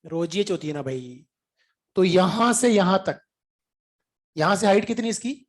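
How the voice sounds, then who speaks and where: A man's voice: sits high, lively intonation, unhurried. Chatty male physics teacher mid-lesson. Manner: chatty, coaxing, often asks the class if they followed; mixes English terms into Hindi speech. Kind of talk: informal classroom lecture.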